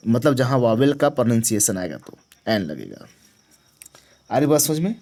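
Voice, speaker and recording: A man's voice: mid-range voice, sing-song, moderate pace, a little mellow. A man teaching a grammar lesson, who asks questions and answers them himself, repeats key words and checks that the class understands. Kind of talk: grammar lesson to exam students.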